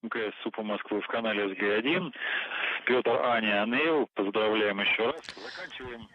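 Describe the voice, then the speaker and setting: A man's voice: fairly low pitch, no echo, lo-fi sound. A male flight controller making a terse, clipped radio call, heard as a distant transmission over a space-to-ground loop. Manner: rapid, clipped procedural delivery. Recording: far-off radio voice.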